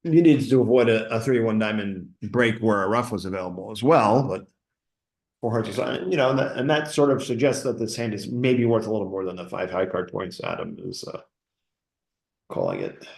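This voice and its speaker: Lowish man analyzing bridge in echoey room. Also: sing-song, vocal fry. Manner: analytical, slightly halting. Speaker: bridge commentator. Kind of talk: live bridge commentary.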